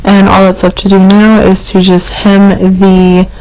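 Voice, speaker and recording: A woman's voice: medium pitch, completely flat delivery, a little slow, darkish tone, low-quality recording. A young woman hosting a craft tutorial, narrating informally and explaining each step in a casual way.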